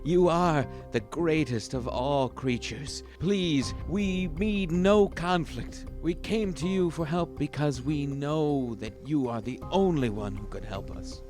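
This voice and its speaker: Casting: man playing a slow, servile, flattering adventurer, over music. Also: on the high side. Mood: pleading. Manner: pleading, theatrically servile. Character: groveling, flattering male adventurer.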